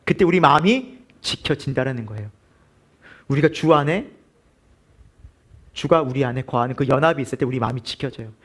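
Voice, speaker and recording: A man's voice: medium pitch, expressive, a little fast, long pauses, husky. A male pastor preaching a midweek sermon, asking the congregation questions and answering them himself. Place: church.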